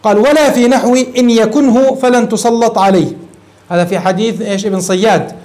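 Man, very high voice, quick delivery, grammar lecture, poses questions to students. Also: a little mellow. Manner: explains step by step, asks students questions and answers them. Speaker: teacher of Arabic grammar. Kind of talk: classroom lecture.

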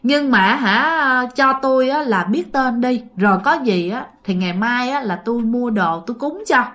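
A woman with a Southern Vietnamese accent voicing an elderly grandmother who calmly addresses unseen spirits. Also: fairly high pitch. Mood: solemn. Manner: slow, solemn, pleading with spirits.

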